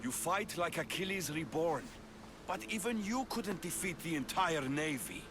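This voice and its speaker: A man acts the part of a proud Spartan commander for a game cutscene, blunt and commanding with fierce swings in delivery. Lightly acted, his voice is on the high side, animated, and at normal speed, with an orchestral score and background noise.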